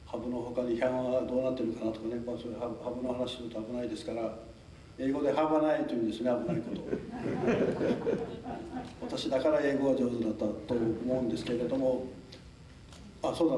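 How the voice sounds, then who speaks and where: A man's voice: mid-range voice, fairly quick, dark tone, a little hiss or hum. An older man from a southern Japanese island giving a formal talk to a local audience, polite and chatty, with frequent chuckles and asides. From Tokunoshima, Amami Islands, Japan. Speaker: lecturer. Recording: echoey hall, mic at a distance.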